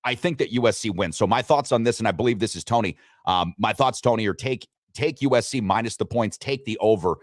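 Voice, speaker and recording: A man hosting a sports talk show, talking betting lines with animated delivery and frequent restarts. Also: fairly low pitch, a little fast, hardly any pauses, no echo, studio quality. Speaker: sports radio host.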